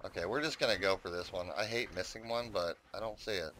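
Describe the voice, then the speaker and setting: A man's voice: fairly low pitch, fast, bright, forceful tone. A man giving casual, rambling commentary on his own gameplay, chatting to viewers and swearing often. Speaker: gaming YouTuber.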